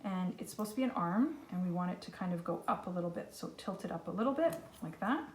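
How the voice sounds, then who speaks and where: Echoey, low-pitched woman teaching young children. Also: expressive, fast. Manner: reassuring, simple step-by-step instructions. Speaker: kindergarten teacher. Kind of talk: casual craft lesson for young children. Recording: echoey room, distant mic, faint noise.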